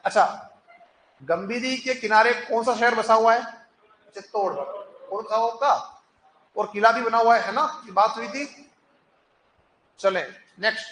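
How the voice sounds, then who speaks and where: Bright, high-voiced male teacher, echoey room. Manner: asks the class questions and answers them himself, repeats key points. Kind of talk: exam-prep classroom lecture. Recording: echoey room with faint noise.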